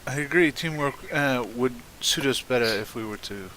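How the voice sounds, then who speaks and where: A man speaking in character during a tabletop game, polite, formal and measured. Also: medium pitch, bright, forceful tone, a little hiss or hum, low-quality recording. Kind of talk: in-character role-play discussion.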